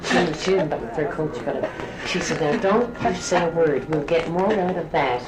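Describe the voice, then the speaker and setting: A woman's voice: deep voice, moderate pace. A woman interviewee telling a family story in a chatty way, full of "you know.". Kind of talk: storytelling, reminiscing. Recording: roomy echo.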